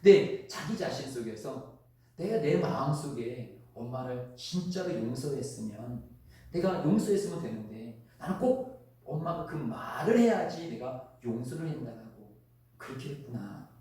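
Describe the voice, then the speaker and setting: A man's voice: mid-range voice, expressive, measured pace, warm tone. A male pastor giving a sermon, earnestly acting out the quoted lines of the people in his story. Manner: earnest preaching that acts out quoted dialogue. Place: church sanctuary. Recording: echoey church hall, mic at a distance.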